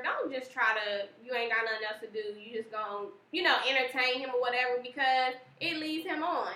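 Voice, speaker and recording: Sarcastic woman co-host, bright voice. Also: high-pitched, echoey room, low-quality recording. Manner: laid-back, sarcastic, slangy. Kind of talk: casual live-stream chat.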